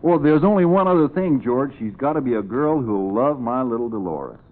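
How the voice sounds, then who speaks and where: A man's voice: medium pitch, animated, brisk, natural voice. Guy acting a bashful hick farmer, polite and hesitant, lilting, old tinny radio show. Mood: bashful, hopeful. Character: shy, earnest, lonesome country pig farmer. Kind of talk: 1940s radio comedy acting. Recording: muffled vintage radio recording.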